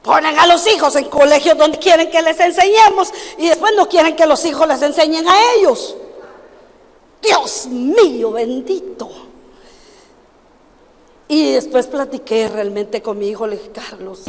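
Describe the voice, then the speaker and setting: A woman's voice: high voice, unhurried, big-room sound. An older woman, preaching a sermon through funny, folksy stories told to the congregation. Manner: anecdotal, humorous, folksy asides to the congregation. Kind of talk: sermon with storytelling. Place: church.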